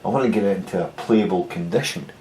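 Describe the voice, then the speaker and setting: A Scottish man working through a casual workshop tutorial as a bass luthier, muttering wry jokes and swearing casually. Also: fast talker, darkish tone, slight background noise. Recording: echoey room.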